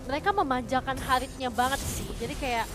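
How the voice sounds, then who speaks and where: A woman's voice: high-pitched, a little fast, music in the background. A woman giving casual, chatty analysis as an esports co-caster, explaining the play as it goes. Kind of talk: casual analytical game commentary.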